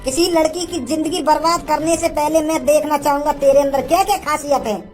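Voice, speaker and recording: A woman's voice: sits high, steady tone, fairly quick, darkish tone, soft background music, natural voice. A woman voicing a stern middle-aged cartoon father who scolds and bosses the young men around. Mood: bossy. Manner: scolding, bossy. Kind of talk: cartoon comedy dubbing.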